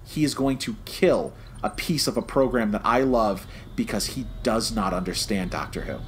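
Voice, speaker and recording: Fairly low in pitch and talking at a normal speed, the co-host delivers an emphatic, opinionated review on the podcast. Repeated phrases hammer his points, "okay?" checks in with listeners, and there's slight background noise.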